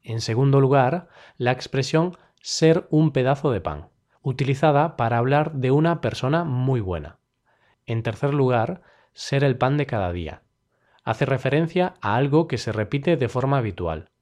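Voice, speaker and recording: A man from Spain with a Spanish accent, hosting a daily podcast that teaches Spanish expressions, with clear, measured delivery and a light touch of humor. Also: mid-range voice, lively intonation, a little mellow. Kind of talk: scripted explanatory podcast lesson.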